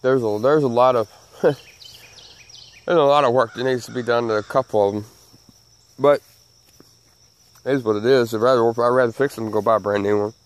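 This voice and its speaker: A mid-range, fairly even voice moves at a fairly quick pace with long pauses as a Southern US channel host delivers a folksy, emphatic opinion rant to camera. He tends to repeat his phrases. His sibilants are slightly slurred from missing front teeth.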